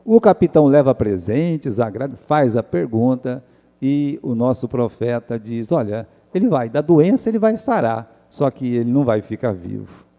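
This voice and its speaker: A Brazilian man, a pastor, telling a scripture story as a sermon, moving between hushed and emphatic passages. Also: medium pitch, lively intonation, normal speed, lo-fi sound. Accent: Brazilian Portuguese. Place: large church hall. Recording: long church reverb.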